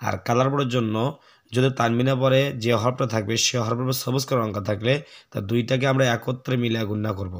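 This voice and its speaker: Male teacher, mid-pitched, spells letters, then stretches the recited verses slowly. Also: steady tone. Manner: slow drawn-out recitation between quick explanations; clears throat often.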